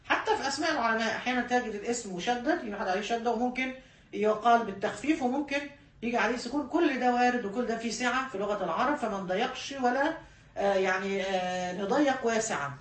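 This religious studies teacher, speaking with an Egyptian Arabic accent, races through a classroom lesson, though she still explains patiently, repeats main points and corrects herself mid-word. Her voice sits on the high side, and the sound is roomy and far from the mic.

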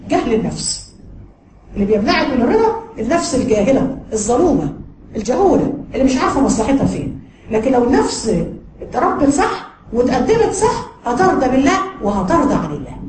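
A woman teaching a religious lesson in an Egyptian accent, lively and acting out the voices she quotes. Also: high voice. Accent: Egyptian Arabic. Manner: lively, acts out quoted voices, frequent light laughs. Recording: roomy with ambient noise.

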